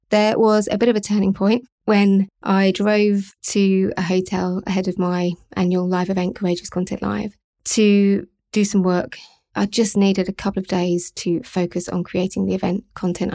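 A middle-aged woman, hosting a podcast and speaking candidly and in a measured way about her own experiences. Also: fairly low pitch. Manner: candid, measured, occasional soft laughs. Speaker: podcast host. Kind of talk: personal reflective monologue.

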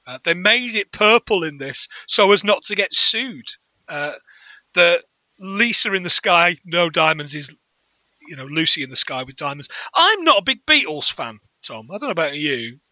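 A man's voice: high-pitched, very animated, moderate pace, pushed and bright, dry recording. A man co-hosting a podcast in casual chat, laughing often as he retells scenes. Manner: giggly, retells scenes and quotes lines. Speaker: podcast co-host.

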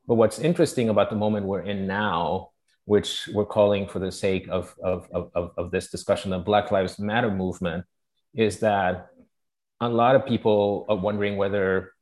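Low-voiced man moderating a panel. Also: darkish tone. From Togo. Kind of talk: introducing an online forum discussion.

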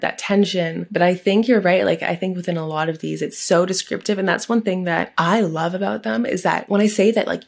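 A woman's voice: lowish voice, vocal fry. A woman romance author, a podcast guest, chatting enthusiastically and laughing often as she reads and discusses erotica.

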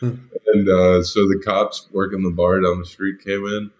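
A man's voice: deep voice, level tone, normal speed, highs cut off. A man, a former football lineman, casually tells a story, rambling and filling it with "like" and "you know". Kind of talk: casual spoken anecdote.

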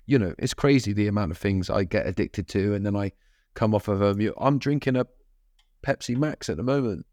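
A man's voice: on the low side, fairly quick, a little mellow, no echo, clean studio sound. A man hosting a podcast, chatting casually and easily with plenty of fillers. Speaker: podcast host. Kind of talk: casual chat.

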